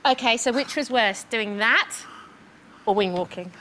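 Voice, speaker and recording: A young woman presenting a TV talent show on a studio stage, bubbly and animated. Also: on the high side, unhurried, a little hiss or hum. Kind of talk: lively TV presenting. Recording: studio with loud audience.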